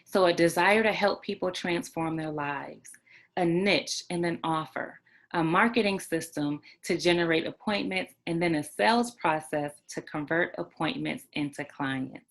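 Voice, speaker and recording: Female coach-trainer, lowish voice, emphatic teaching style, keeps repeating points and checking in with the listener. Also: measured pace. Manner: emphatic, repeats key points with "right?" and "okay?". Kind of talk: online training talk.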